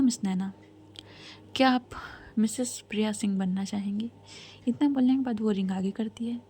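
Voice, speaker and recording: A woman's voice: mid-range voice, warm tone, slight background noise. A young woman telling a story in casual speech, chatty, with asides to the listeners, and speaking the quoted lines herself with little change of voice.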